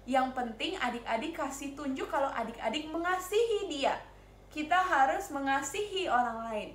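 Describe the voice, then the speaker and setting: High, lively woman teaching small children. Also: normal speed, echoey room, slight background noise. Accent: Indonesian. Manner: animated, sing-song, asks children questions. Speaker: Sunday school teacher. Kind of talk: storytelling to young children.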